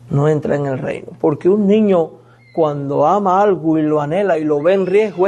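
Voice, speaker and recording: Man, pastor, sermon, storytelling, mellow dark tone, husky. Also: high-pitched. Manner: storytelling preacher, acts out quoted pleas.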